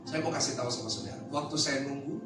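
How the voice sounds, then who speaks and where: A man in his thirties, a pastor giving a lively testimony sermon and talking straight to the congregation with jokes. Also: mid-range voice, fast talker. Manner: lively storytelling, addresses the listeners directly, jokes. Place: large church hall. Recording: very echoey hall, mic far off, music behind.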